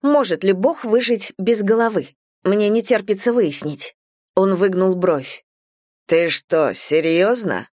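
A woman's voice: mid-range voice, a little slow, dry recording, studio quality. Woman narrating a fantasy audiobook. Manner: expressive, rising sharply in the heroine's retorts.

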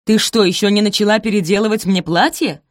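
A woman's voice: fairly low pitch, lively intonation, fairly quick, a little mellow, no room sound, studio quality, natural voice. A woman reading aloud and voicing a harsh, domineering stepmother who gives orders. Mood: commanding. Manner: commanding, severe.

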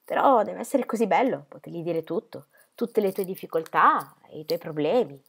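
A serious, gentle young woman in a storybook reading, as a woman reader voices her. She speaks sincerely, with a touch of hesitation. Her pitch moves freely across a wide range. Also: animated, normal speed, creaky, breathy edge, exaggerated voice. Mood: earnest.

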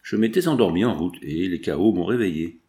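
A man's voice: low voice, animated, fairly quick, warm tone. A man reading the part of a young boy who talks earnestly and directly.

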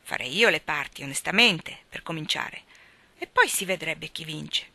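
A woman's voice: sits low, expressive, moderate pace, vocal fry, no echo, heavily acted. A woman voicing an earnest young boy, the proud son of the master, who talks eagerly and often exclaims. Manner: eager, exclaiming, grows louder.

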